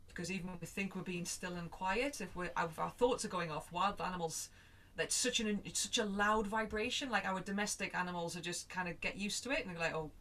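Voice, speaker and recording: Earnest woman, lowish voice. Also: fairly bright tone. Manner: earnest, thinks aloud with many restarts; acts out her own thoughts in quoted asides. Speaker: guest speaker. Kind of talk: reflective conversational talk.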